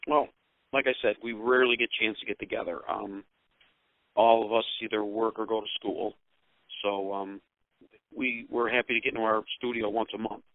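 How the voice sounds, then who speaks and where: An American man speaking over the phone as a musician giving casual interview answers, rambling and pausing often. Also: fairly low pitch, steady tone, no room sound. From Utica, New York, United States. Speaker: rock band musician and songwriter being interviewed. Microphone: telephone. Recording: dull, narrow-band phone line.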